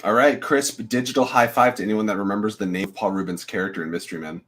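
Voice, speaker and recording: A man's voice: fairly low pitch, steady tone, quick pace, fairly bright tone. A man co-hosting a podcast, talking casually and rambling with lots of filler uhs. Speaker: co-host.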